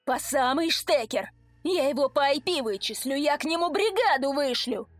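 A woman's voice: sits high, lively intonation, moderate pace, dry recording. A woman voicing a big, tearful businessman and ex-convict gamer who bellows in prison slang. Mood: raging. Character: burly sobbing businessman, ex-convict gamer, man.

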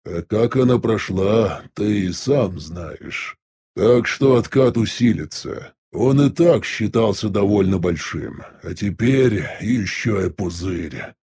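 A man voicing an elderly sect elder in an audiobook, speaking in a measured, weary, reflective way with a husky voice. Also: on the low side, mellow, heavily acted. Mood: weary musing. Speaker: audiobook voice actor. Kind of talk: audiobook dialogue reading.

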